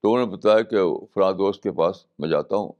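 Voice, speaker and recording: Older man giving a measured, repetitive lecture. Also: sits low, highs cut off. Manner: measured, repeats phrases for emphasis, mixes English terms. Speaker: Islamic scholar giving a talk. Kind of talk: spiritual lecture.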